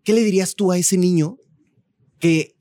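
A man's voice: high voice, moderate pace, warm tone, no echo. A man hosting a podcast, asking questions with eager enthusiasm. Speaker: podcast host. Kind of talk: casual interview chat.

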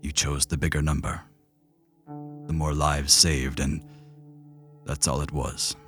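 A man as game master voicing a remorseful male leader, heard as a distant memory voice that draws closer, slow, grave and reflective. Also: rumbling low, level tone, fairly bright tone, soft background music. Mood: somber. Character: remorseful male leader recalling a past decision. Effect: distant memory voice drawing closer.

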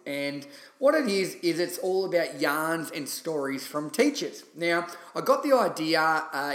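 Australian man hosting in an echoey room. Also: fairly high pitch. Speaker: podcast host. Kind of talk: casual solo podcast storytelling. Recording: roomy, echoey sound.

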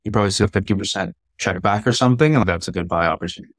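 A man's voice: low-pitched, very fast, no echo. A man who once worked a trading floor, giving his take on stocks in a casual investing discussion, confident and analytical with frequent fillers.

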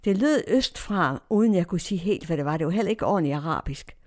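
A woman telling a personal story in a lively, anecdotal way, often quoting others as dialogue. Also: lowish voice. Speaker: churchgoer recounting neighbourhood life.

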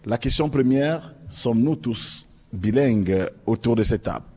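Moderating a live panel forum before an audience, this man has a mid-pitched, husky, somewhat dark voice and an animated, announcer-like delivery at a measured pace. He opens lines with emphatic rising tones. The event hall has a long echo and faint noise.

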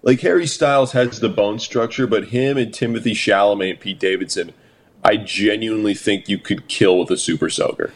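Low-voiced man in casual podcast chat. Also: normal speed. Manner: profane, animated storytelling. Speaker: podcast co-host.

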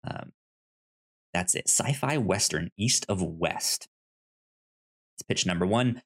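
With a low voice, animated yet slow-paced, the male co-host keeps things chatty while pitching comics and reading blurbs. First syllables often trip him up into a stammer.

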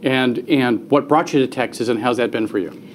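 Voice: medium pitch, normal speed, a little hiss or hum. Encouraging podcast host interviewing a guest.

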